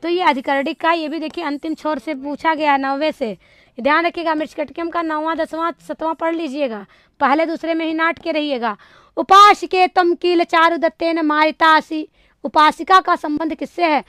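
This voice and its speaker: Female Sanskrit tutor, high pitched, dry recording; runs through past exam questions with a quizzing lilt. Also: fairly even intonation, normal speed, a bit bright, no echo. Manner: quizzing tone, reads options aloud then answers them. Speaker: Sanskrit teacher. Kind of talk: exam-prep lecture solving past papers.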